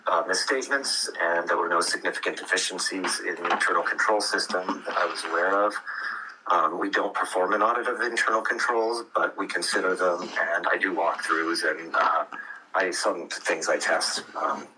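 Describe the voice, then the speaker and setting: A man reporting as town auditor over a speakerphone, speaking in a measured way with frequent ums. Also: deep voice. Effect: heard over a speakerphone. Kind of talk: business call report. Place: phone call into a meeting room. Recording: distant speakerphone with background noise.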